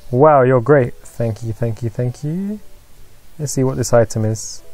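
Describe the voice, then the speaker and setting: Mellow-voiced man chatting over gameplay. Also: mid-range voice, lively intonation, a little slow, dry recording, faint music behind. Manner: chatty, reads game text aloud with wry remarks. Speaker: let's play host. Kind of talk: casual gameplay commentary.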